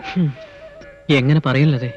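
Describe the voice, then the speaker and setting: A playful young man who teases the girl he loves, as a man acts him out. His voice sits mid-range, neither high nor low. The sound is muffled and lo-fi, with faint music behind. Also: fairly even intonation, a little slow, lightly acted. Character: teasing young man, the noblewoman's sweetheart.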